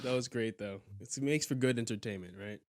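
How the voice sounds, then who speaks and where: A man's voice: mid-range voice, dry recording. A man hosting a podcast, upbeat and encouraging toward his guest. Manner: upbeat, encouraging, quick to laugh along. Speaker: podcast host. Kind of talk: casual chat.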